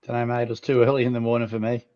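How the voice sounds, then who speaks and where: A man's voice: mid-range voice, level tone, racing. A man chatting casually as a panellist on a sports show, in slightly lo-fi sound. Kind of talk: casual chat.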